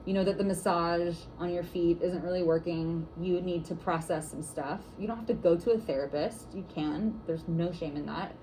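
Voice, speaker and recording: A woman's voice: on the low side, fairly even intonation, normal speed, hardly any pauses, dark tone, slight background noise, rough recording. A woman instructor teaching a workshop class for massage therapists, guiding and chatty with lots of "like" fillers.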